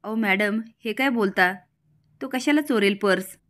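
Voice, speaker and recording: A woman's voice: medium pitch, moderate pace, a bit bright, close to an everyday voice. Meek male servant, polite and pleading, read by a woman. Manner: pleading, deferential. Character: humble middle-aged male servant, a father.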